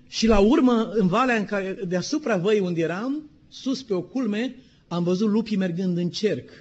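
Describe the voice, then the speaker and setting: A middle-aged male pastor from Romania preaches a sermon in a fairly high voice, telling stories and putting questions to his listeners. He slows down to read quotations. The recording is dull and lo-fi.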